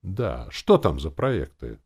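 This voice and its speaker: A man's voice: sits low, big pitch swings, takes it slowly, creaky, husky, exaggerated voice. A man voicing a mocking, hot-headed young male gambler who talks with a sneer. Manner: sneering, loud. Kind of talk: audiobook character voice.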